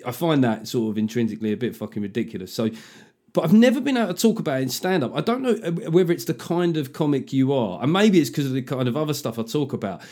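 Male comedian host, mid-pitched voice, casual and sardonic, swears freely. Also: animated, fast, mellow. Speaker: podcast host and touring stand-up comedian. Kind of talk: casual chat.

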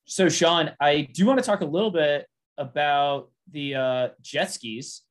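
A man's voice: on the high side, measured pace. A man co-hosting a casual chat, rambling through a recap with lots of fillers and restarts. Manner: rambling, filler-heavy, animated when quoting. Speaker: podcast co-host.

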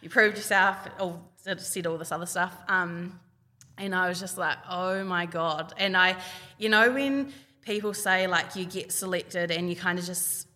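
A woman's voice: on the low side, normal speed, bright, forceful tone. A woman in her twenties with a New Zealand accent, a hockey player telling her story as a podcast guest in a chatty way, full of "like". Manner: chatty, full of "like" and reported speech. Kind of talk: casual storytelling. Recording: long reverb.

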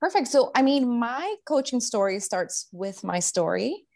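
An earnest, reflective woman in her thirties, from Guatemala, telling her story as a guest in a relaxed interview. Her voice has a gravelly, creaky edge, and she often restarts her sentences and fills pauses. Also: a little high. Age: 30s. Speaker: guest, life coach. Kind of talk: casual faith-based interview chat.

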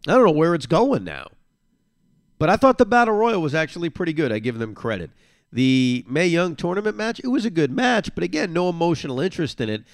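Man, podcast host, lively sarcastic rant, swinging pitch, dry close mic. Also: fairly quick, dry recording. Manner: animated, sarcastic, repeats phrases for emphasis. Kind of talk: casual solo podcast rant.

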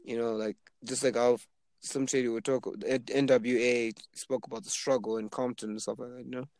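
His mid-range voice comes out fairly quickly in this dry recording as the 20-year-old Zimbabwean man rambles, relaxed, through a casual chat. He talks about being an aspiring rapper, using many fillers.

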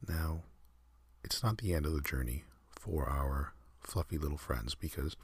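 A man telling a calm ASMR sleep story, counting in a soft, half-whispered, unhurried way. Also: rumbling low, breathy edge, dry recording.

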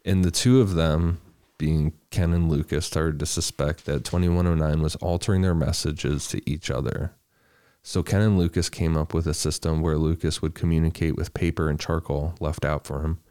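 Podcast co-host, very deep man, dry close mic, relaxed crude storytelling. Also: normal speed, no echo. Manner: laid-back, crude, recaps the story in plain narration. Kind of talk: casual storytelling chat.

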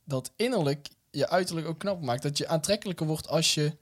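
A man's voice: on the high side, a little fast. A young man on a podcast, chatting casually and talking with some hesitation. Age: young adult. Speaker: podcast co-host. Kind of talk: casual chat.

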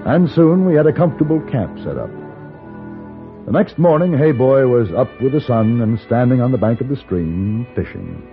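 A man with an American accent playing a commanding, gentlemanly gunman who also narrates a radio western. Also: mid-range voice, animated, moderate pace, close to an everyday voice. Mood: measured narration. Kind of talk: old-time radio western acting and narration. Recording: tinny vintage radio recording with music.

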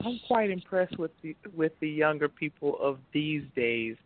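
A man's voice: a little high, big pitch swings, moderate pace, no echo. A man hosting a casual conversation who laughs easily and asks questions. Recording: dry, tinny phone-like audio.

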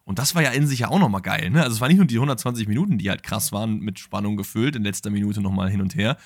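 A man co-hosting a casual football podcast, excitedly recounting match highlights with plenty of fillers. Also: rapid-fire, no room sound, clean studio sound. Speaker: podcast co-host.

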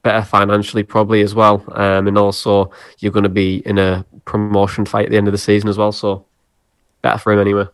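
A man chats casually about football as a fan podcaster. His voice is fairly low, with emphatic repetition, in a dry recording. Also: completely flat delivery, fast talker, dry recording. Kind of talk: casual sports chat.

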